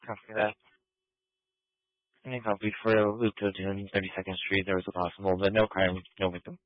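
A man's voice: fairly low pitch, little pitch movement, moderate pace, dry recording. A man calling in over a police radio with static bursts, speaking in clipped radio codes. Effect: police radio transmission with static bursts. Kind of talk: terse radio call. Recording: tinny radio channel.

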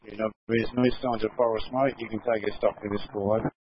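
A man's voice: fairly low pitch, level tone, quick pace, lo-fi sound, a little hiss or hum. A man, a fire station officer, reporting over a two-way radio in clipped, formal radio procedure. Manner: clipped, formal call signs. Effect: two-way radio transmission. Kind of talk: terse radio call procedure.

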